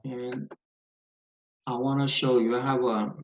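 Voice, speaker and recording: A man's voice: medium pitch, flat delivery, measured pace. A male teacher giving an online English lesson, explaining patiently step by step, his voice captured in a screen recording of a video call. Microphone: computer mic on a video call. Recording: echoey, dull video-call audio.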